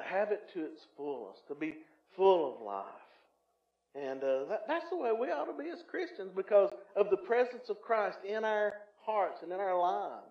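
A male pastor preaching a sermon in a folksy, storytelling way, often restarting with fillers and swelling louder for emphasis. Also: sits high. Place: church sanctuary. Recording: roomy, slightly dull church recording.

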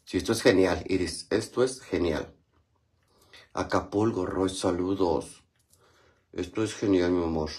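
A chatty Mexican man hosting a casual livestream. His voice sits a little low, and his talk is loose and slangy as he greets viewers by name while doing his skincare. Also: unhurried, long pauses, darkish tone. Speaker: livestream host.

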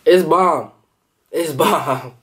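A man hosting a mukbang, talking in casual slang while he eats, his voice hoarse and worn. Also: on the high side, very slow, fairly bright tone. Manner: slangy, chatty while eating. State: hoarse, lost voice. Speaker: mukbang host. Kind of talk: casual eating-show chat.

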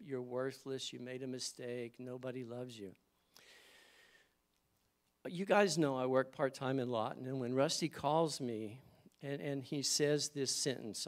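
Conversational man giving a church sermon. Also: medium pitch. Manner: conversational, illustrative storytelling. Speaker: guest speaker. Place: church service.

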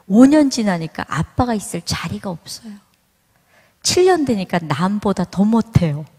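A middle-aged woman giving a church testimony, telling her story with lively storytelling and acting out the lines. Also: medium pitch, slightly rough. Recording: reverberant hall.

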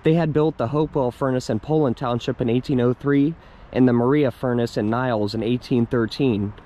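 A young hiking vlogger with a mellow, mid-range voice speaks a little fast in a steady tone, casually narrating his walk through a wooded park. He admires the views and reads a plaque aloud, filmed on a handheld camera outdoors, and the audio sounds dull.

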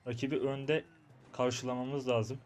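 A young man talks his way through a mobile game match. His commentary is chatty and excitable, and he keeps addressing his viewers while muttering to himself. His voice sits at an ordinary middle pitch for a man. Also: a little slow, faint music behind. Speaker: gaming YouTuber. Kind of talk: live gameplay commentary.

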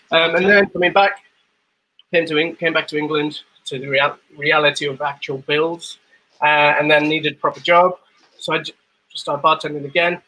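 A man from Zimbabwe, a bartender guest, telling his story in relaxed, rambling chat over a video call. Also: fairly high pitch, breathy edge, poor audio. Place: dim room at home. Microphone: video call webcam.

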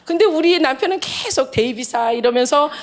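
A middle-aged woman giving a church testimony as a missionary, telling her story in an animated way and acting out the dialogue. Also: fairly quick. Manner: animated storyteller, acts out dialogue with big pitch jumps and laughter.

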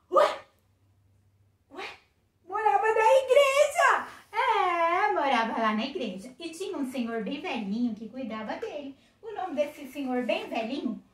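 A young Brazilian woman gives a children's Bible lesson to her little daughter, exclaiming and coaxing in a sing-song way. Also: sits high. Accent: Brazilian Portuguese. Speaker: mother teaching a Sunday school lesson. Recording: echoey room, distant mic.

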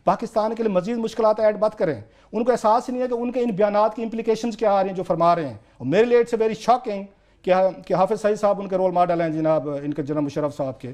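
A man with a Pakistani accent speaks as a political commentator on a televised talk show. His voice sits high for a man. He argues with urgency and drives his points home by repeating them. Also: fast talker, a little mellow. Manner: urgent, emphatic, repetitive argument.

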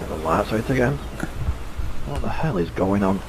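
A man's voice: lowish voice, lively intonation, moderate pace, background noise, natural voice. A man playing a rattled, irritable survivor of a crash who grumbles to himself in a video game. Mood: puzzled. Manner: grumbling, mild cursing.

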